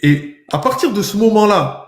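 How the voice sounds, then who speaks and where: Insistent French man, lively high voice. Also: reverberant. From France. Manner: insistent, emphatic, presses with rapid questions. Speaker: TikTok live host. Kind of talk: heated live-stream debate.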